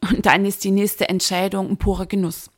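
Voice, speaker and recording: A woman coach speaking straight to the listener in a motivational podcast monologue, emphatic and exhorting, stressing key words, with a husky, creaky voice. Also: medium pitch, flat delivery, normal speed. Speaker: business mindset coach, podcast host.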